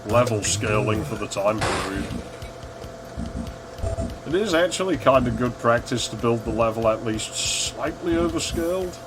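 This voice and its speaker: Over loud game music and sound effects, a gaming video host with a mid-range voice musings casually through a playthrough in an understated way. The recording sounds rough.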